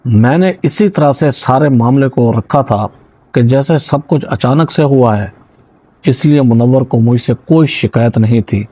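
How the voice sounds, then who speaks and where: Husky male storyteller, dark tone. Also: mid-range voice, dry recording, rough recording. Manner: steady dramatic first-person reading. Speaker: narrator. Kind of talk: scripted storytelling narration.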